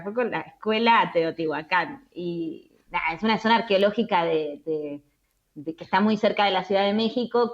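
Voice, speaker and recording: An Argentine woman, a travel blogger and interview guest, telling stories casually with frequent "eh" and "¿no?" fillers. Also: lowish voice. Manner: chatty, frequent "eh" and tag "¿no?". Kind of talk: casual conversational storytelling. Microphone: video call. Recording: slightly dull lo-fi call audio.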